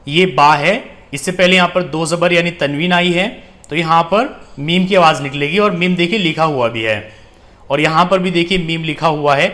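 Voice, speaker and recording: Man teaching Quran reading, slow recitation. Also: high-pitched, fairly bright tone. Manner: slow drawn-out recitation alternating with quick explanations. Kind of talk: spelling out and reciting Quranic text for learners.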